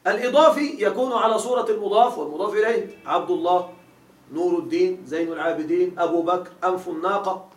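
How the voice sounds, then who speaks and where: A man's voice: high voice, fast talker. A man teaching a grammar class, quizzing his students with repeated questions as he explains. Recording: echoey room, mic far off.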